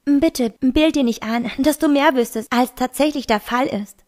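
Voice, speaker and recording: A woman's voice: high voice, moderate pace, a little mellow, close to an everyday voice. A woman voicing a secretive teenage girl who defends herself to a friend, in an amateur audiobook reading. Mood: curt. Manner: evasive, reassuring.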